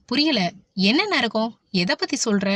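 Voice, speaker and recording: Woman reading as a calm loyal best friend. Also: extremely high pitch, unhurried, no echo, full character voice. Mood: placating. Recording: dull, dry audiobook recording.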